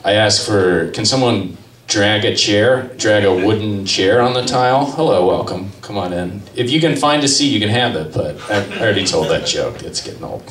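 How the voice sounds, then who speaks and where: A man's voice: on the low side, lively intonation, moderate pace, a bit bright. A man in his thirties doing rambling, self-deprecating stand-up at an open mic in a small gallery cafe, speaking into a stand mic. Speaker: stand-up comedian. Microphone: handheld mic on stand, far camera. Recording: roomy, from far off.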